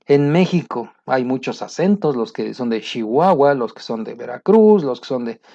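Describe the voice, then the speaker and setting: Man, casual teaching, many fillers and restarts, warm dark voice, muffled lo-fi audio. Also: medium pitch, lively intonation, normal speed, creaky. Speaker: English teacher. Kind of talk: casual spoken lesson. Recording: dull lo-fi sound.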